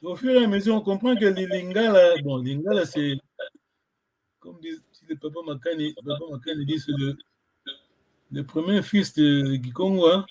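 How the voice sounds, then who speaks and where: A man teaching a language lesson, patiently repeating words slowly for a learner. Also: a little high, a little mellow.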